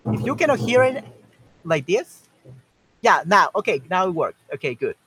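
High-voiced man hosting a casual livestream. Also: very animated, normal speed, noisy background. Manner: hesitant, thinking aloud. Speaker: livestream host. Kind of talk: casual livestream chat, troubleshooting audio.

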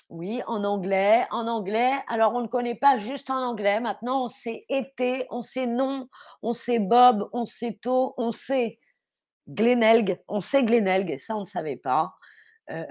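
A woman teaching a live streamed lesson, playful and enthusiastic, reading the chat and spelling words out slowly. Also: medium pitch.

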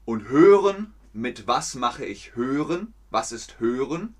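A man teaching German in a livestream, speaking slowly and clearly with playful high jumps in his voice. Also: sing-song. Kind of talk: livestreamed language lesson.

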